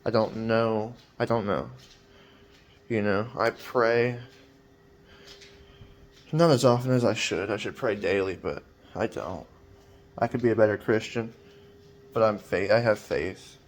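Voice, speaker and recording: Weary, rambling young man, lowish voice. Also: a little slow, pauses often. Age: 20s. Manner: hesitant, rambling, many fillers and trailing off; weary, anxious. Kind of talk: personal vlog monologue.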